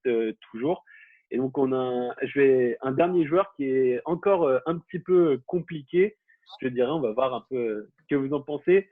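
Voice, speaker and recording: A man runs a relaxed quiz and keeps stopping and restarting his sentences. His voice is husky and slightly high, and it comes through a dry, narrow-band line that sounds like a phone. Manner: hesitant, many fillers and restarts. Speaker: quiz host. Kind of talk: casual podcast quiz hosting.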